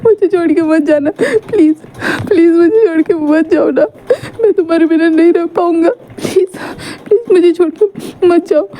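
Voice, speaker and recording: A woman's voice: very high voice, normal speed, mellow, voice pushed up. A woman voicing a heartbroken young man who weeps and pleads while telling a romance story. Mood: tearful pleading. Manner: sobbing, pleading.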